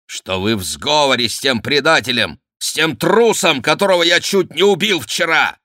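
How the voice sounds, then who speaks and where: A male reader plays a fierce count losing his temper, barking accusations and threats. His bright, forceful voice leaps high and loud in anger. It is recorded close and dry. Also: very animated, takes it slowly, no echo, exaggerated voice. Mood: enraged. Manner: angry, shouting, threatening. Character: furious, hot-tempered older male count, a huntsman. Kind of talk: audiobook character reading.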